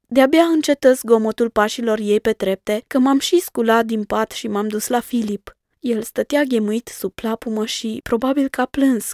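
A woman narrating a first-person children's story in a gentle, measured way. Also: a little high, no echo, clean studio sound. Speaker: storybook reader.

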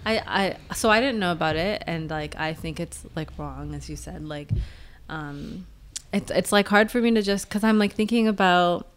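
A woman's voice: lowish voice, normal speed, slight background noise. A woman chatting casually on a podcast, hesitant and searching for her words. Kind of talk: casual chat.

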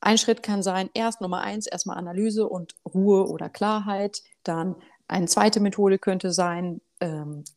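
A woman hosting an interview, friendly and quick to laugh, summing up and asking her guest questions. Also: medium pitch, fairly even intonation, darkish tone. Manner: friendly, laughs often, sums up and asks questions. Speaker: host. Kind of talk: interview host.

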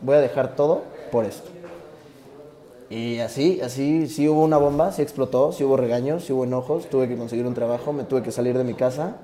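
Young Mexican man with a mellow voice. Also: mid-range voice, fast, hardly any pauses. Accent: Mexican Spanish. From Tabasco, Mexico. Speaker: guest, rapper. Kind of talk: casual interview storytelling.

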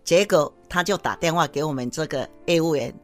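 Animated woman telling a sales story. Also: sits low, a little fast, soft background music. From Taiwan. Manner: animated, addresses the audience often. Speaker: sales manager giving a lecture.

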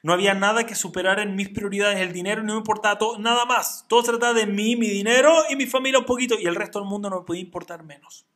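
Male storyteller as a once money-hungry father, now earnest and confessional, higher-pitched. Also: steady tone, quick pace, hardly any pauses, a bit bright. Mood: confessing.

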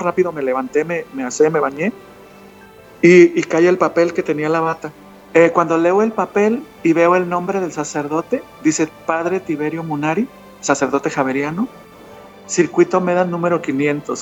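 A man earnestly telling a personal testimony as an interview guest, calling the listener "hermanita". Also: a little high. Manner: earnest storyteller who addresses the listener as "hermanita". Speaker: guest telling his conversion story. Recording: dull lo-fi sound with faint music behind.

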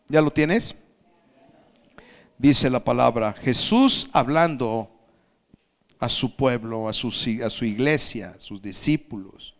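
A man preaching a sermon as pastor, asking the congregation questions and swinging from hushed whispers to shouted emphasis. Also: medium pitch.

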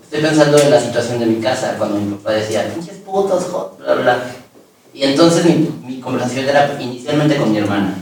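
A man's voice: medium pitch, fast, few pauses, a little mellow, slight background noise. Man, panelist, reflective, searching for words, far from the mic in an echoey hall. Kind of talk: reflective discussion with a personal story. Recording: echoey room, distant mic.

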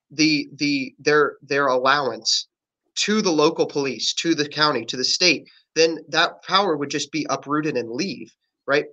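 A man's voice: on the high side, sharp tone. A man explaining political ideas in a casual podcast discussion, earnest and often correcting his own wording. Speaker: podcast guest.

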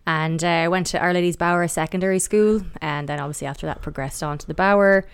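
Interview guest: woman, 30s, gentle Irish Midlands accent, slightly low, clear smooth tone, chatty. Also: steady tone, quick pace. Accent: Irish Midlands, softened by elocution lessons. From Athlone, Irish Midlands. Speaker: podcast guest, powerlifter. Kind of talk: casual interview, personal recollection.

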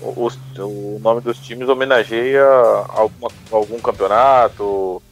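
A man's voice: on the low side, fairly even intonation, a little slow, faint music behind. A man with a Brazilian accent chatting casually and informally. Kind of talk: casual chat.

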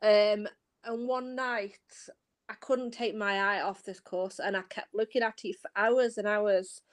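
A woman's voice: medium pitch, steady tone, a little slow. Earnest woman telling her story. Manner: earnest, storytelling, restarts phrases. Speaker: guest, tarot reader and coach. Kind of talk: casual podcast chat.

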